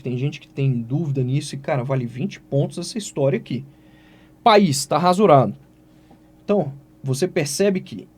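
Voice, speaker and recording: A man with a Brazilian Portuguese accent teaching an exam-prep writing lesson, who keeps asking questions aloud and answering them himself. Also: on the high side. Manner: lively, asks and answers his own questions.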